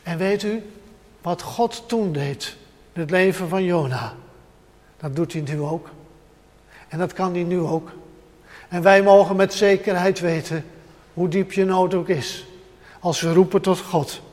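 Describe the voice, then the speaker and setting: Guy preaching slow, high voice, lots of repeating, long echo like a big church hall. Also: darkish tone. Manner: emphatic, repeats short phrases in build-ups; addresses listeners directly. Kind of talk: sermon.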